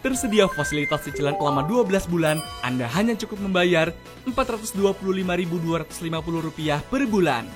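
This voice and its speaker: A woman reading a scripted infomercial voice-over as a promotional sales pitch. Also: animated, fast. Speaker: commercial announcer. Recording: music under the voice. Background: loud music.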